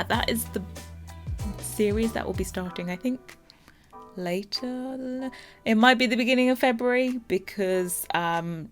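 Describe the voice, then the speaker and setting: A woman talking casually and off the cuff to her viewers as a gaming video host, enthusiastic and encouraging. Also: medium pitch. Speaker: video game streamer hosting a build challenge. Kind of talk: casual unscripted chat to viewers. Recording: music behind the voice. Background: music.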